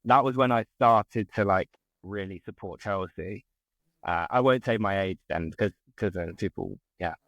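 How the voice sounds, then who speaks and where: A man's voice: sits low, normal speed, a bit bright, dry recording, rough recording. A man from southern England with a modern British RP accent, chatting casually and discursively as an interview guest. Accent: southern English RP. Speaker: interview guest, English teacher. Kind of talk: casual conversation.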